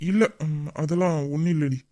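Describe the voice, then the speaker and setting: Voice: mid-range voice, fairly even intonation, a little fast, warm tone, lightly acted. A performer voicing a lovesick young man who grumbles in mock anger at his sweetheart in a romantic audio drama. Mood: downcast. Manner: grumbling, mock-angry, then tender.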